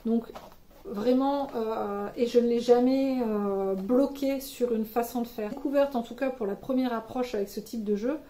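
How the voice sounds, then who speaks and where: A woman's voice: a little high, moderate pace, warm tone, a little hiss or hum. A woman, a mother giving casual advice in a vlog, chatty and hesitant with many fillers. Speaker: parent vlogger sharing kids' activity ideas.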